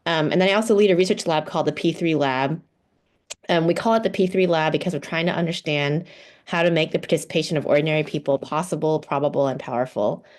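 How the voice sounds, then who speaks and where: Brief: low-pitched woman from the US, professor, talks over video call, thoughtful and a bit hesitant. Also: fast talker, a little mellow. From United States (Houston, Texas). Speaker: guest speaker, political science professor. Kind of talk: online lecture talk.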